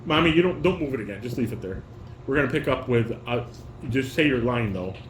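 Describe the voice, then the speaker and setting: With lively intonation and a medium-pitched voice, an older man, a father, moves fairly quickly as he directs a relaxed home table read, reading stage directions and correcting people. His manner is instructive and corrective, and the roomy home recording has clear background noise.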